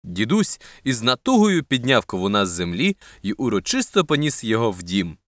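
A storyteller narrating a children's storybook in an expressive, gently paced reading. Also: medium pitch, brisk, no echo, clean studio sound.

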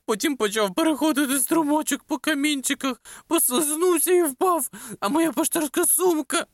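A woman's voice: sits high, normal speed, dry recording, voice pushed up. A woman voicing a young male wolf postman in a children's storybook, earnest and tearful as he explains himself. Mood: upset. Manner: upset, explaining.

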